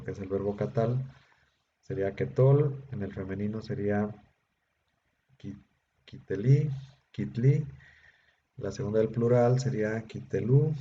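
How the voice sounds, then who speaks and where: A male teacher explains grammar patiently, pausing to check that his students follow. His voice is dark and mellow. The recording is dull and lo-fi, with a faint hiss behind him. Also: medium pitch. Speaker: Hebrew teacher. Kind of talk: grammar lesson.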